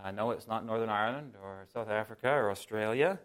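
Talking fast in a lowish voice, a pastor from Canada gives a conversational sermon. He muses in a homespun way, shares personal stories and speaks directly to the people in front of him.

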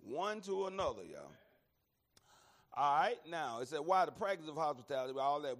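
An animated, high-pitched preacher from Alabama leads a Bible study, blending sermon and teaching conversationally. He's folksy and emphatic, repeats phrases, and often calls his audience y'all.

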